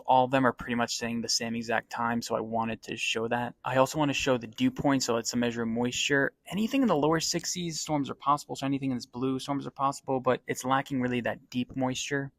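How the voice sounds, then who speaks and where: A man talking in a hushed, low voice in a library, casually explaining things as a weather vlogger. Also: no echo. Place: indoors in a library.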